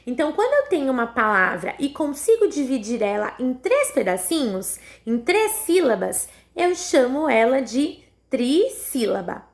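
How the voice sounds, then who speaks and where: A high, lively woman's voice with a Brazilian Portuguese accent, a schoolteacher recording a lesson for young kids. She talks slowly and patiently, drawing out each word syllable by syllable and checking in with her pupils after almost every sentence. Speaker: primary school teacher.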